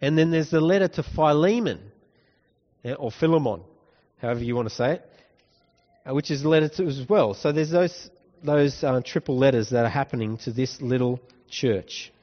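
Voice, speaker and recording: A man's voice: medium pitch, brisk. Man preaching in an echoing hall. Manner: conversational, asks the congregation questions. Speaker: pastor. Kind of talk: sermon. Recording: dull recording with long hall reverb.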